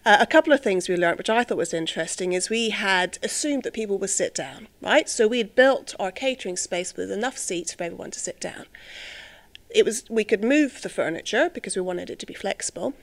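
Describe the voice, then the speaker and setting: A woman's voice: medium pitch, expressive, a little fast. A middle-aged woman born in England and raised in the United States, chatting as a podcast guest and explaining things with frequent hesitant fillers. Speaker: company employee, guest. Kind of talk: casual podcast interview.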